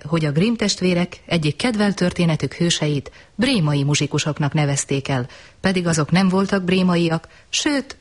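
A man narrating a radio play in a measured, explanatory way. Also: on the high side, noisy background. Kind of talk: scripted narration.

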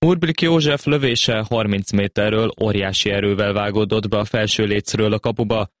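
A male sports narrator delivers a scripted report in a fairly low voice. The sound is dry and close, like a voice-over. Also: no room sound.

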